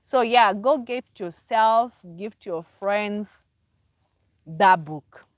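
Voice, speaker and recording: A Kenyan woman, a livestream host and author, speaks extremely slowly in a mid-range voice with no echo. She's chatty and repetitive, greeting viewers by name and promoting her books.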